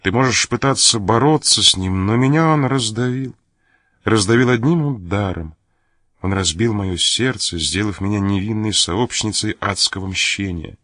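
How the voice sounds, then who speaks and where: A man reading the part of a gravely ill young noblewoman who speaks in a soft, pleading, tearful way. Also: lowish voice, no room sound, clean studio sound.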